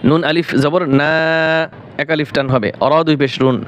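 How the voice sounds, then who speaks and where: In this slow spelling-out Quran lesson, a Bangladeshi Bengali-accented man sounds out letters syllable by syllable and draws each recited word out. He frequently asks his own questions, then answers them. His pitch runs fairly high, and there's a slight hiss or hum.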